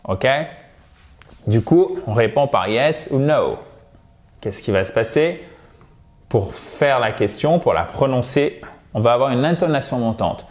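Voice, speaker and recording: A French-speaking man giving a video English lesson, repeating words slowly and checking with "ok?" often. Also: mid-range voice, lively intonation, darkish tone. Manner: repeats words slowly to drill them, frequent "ok?". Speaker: English teacher. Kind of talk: video lesson, explaining and modelling pronunciation.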